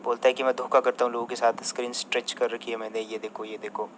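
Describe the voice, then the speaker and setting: A young streamer rants at a rival, combative and swearing heavily as he turns to his viewers now and then. His voice sits at a middle pitch, and a faint hiss of noise runs behind it. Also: flat delivery, fast, poor audio. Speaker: mobile game streamer. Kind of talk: angry rant to viewers.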